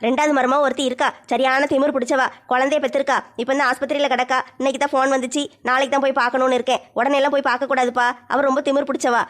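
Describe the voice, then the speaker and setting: A woman's voice: high voice, level tone, very fast, hardly any pauses, lightly acted. A woman voicing a boastful older village mother-in-law who chatters and scolds in cartoon voice acting. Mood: scornful.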